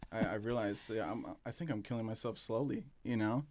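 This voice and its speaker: A man talking as an interview guest about his café, relaxed and rambling, with plenty of fillers and restarts. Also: lowish voice, a little fast. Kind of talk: casual interview chat.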